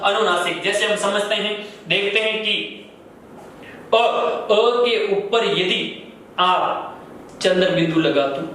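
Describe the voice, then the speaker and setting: A man's voice: high-pitched, slow, long pauses, sharp tone. A man teaching a grammar class, who asks questions and answers them himself, repeating key terms. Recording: very echoey room, far from mic, faint noise.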